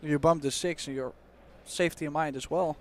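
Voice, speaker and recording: Male pool analyst, higher voice, explanatory. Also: steady tone. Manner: explanatory, measured, uses fillers like "you know". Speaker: expert co-commentator. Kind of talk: analytical sports commentary.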